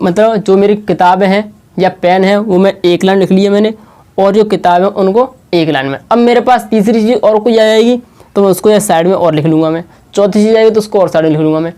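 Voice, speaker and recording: Male teacher, mellow tone, rhetorical question-and-answer style, patient board lesson. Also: high voice, clear, resonant tone. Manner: asks questions and answers them himself; slow, repetitive explaining.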